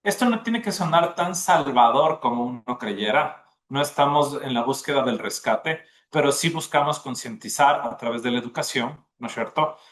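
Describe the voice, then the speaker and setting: A man's voice: mid-range voice, lively intonation, normal speed, hardly any pauses, a bit bright. A man, a gastronomy school dean, explaining at length in a podcast interview and often checking in with the listener. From Ecuador. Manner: explanatory, often tags "¿no es cierto?".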